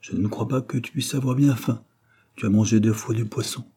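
A man's voice: on the low side, steady tone, brisk, dark tone, husky. A man voicing an indulgent wealthy mother. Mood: soothing. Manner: soothing, indulgent.

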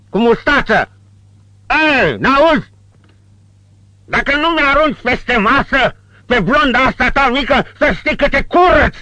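A man voicing a brutish, hulking male thug in an audiobook, with a hoarse, cracked, threatening voice. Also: very high voice, pushed and bright, dry recording, pitched above the performer's own voice, exaggerated voice. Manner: threatening, bullying. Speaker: audiobook narrator voicing a character. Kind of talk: audiobook character voice.

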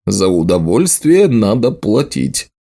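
A man's voice: lowish voice, sing-song, slow, creaky, dark tone, exaggerated voice. A man reading aloud and voicing a smug village man who teases with false friendliness. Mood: mocking. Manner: sly, teasing.

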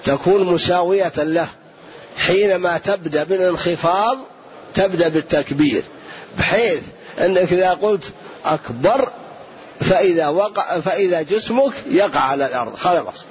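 Man answering questions in a lo-fi lecture recording. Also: high-pitched. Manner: explanatory, measured, repeats points for emphasis. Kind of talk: religious lesson Q&A.

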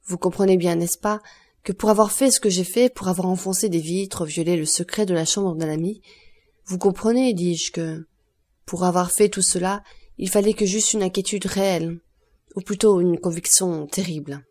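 A woman reading the lines of a grave, commanding nobleman who speaks with steady, quiet calm. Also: fairly low pitch, moderate pace, close to an everyday voice. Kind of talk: audiobook reading of a novel.

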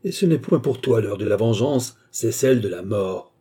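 A man's voice: mid-range voice, lively intonation, measured pace, dark tone, husky. A man voicing a proud, righteous young count in an audiobook, with stern, commanding declamation. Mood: wrathful.

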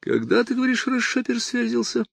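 A man's voice: very high voice, sing-song, fairly quick, creaky, dry recording, voice pushed up, full character voice. A man reading an audiobook and voicing a weary writer in a dry, ironic, offhand way. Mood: wry.

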